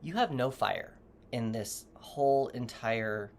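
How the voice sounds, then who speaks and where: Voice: medium pitch, animated, slow, gravelly, slight background noise. A tarot reader giving a casual reading to camera, loose and rambling, often correcting themself while advising the viewer directly. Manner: gently advising, speaking straight to the viewer.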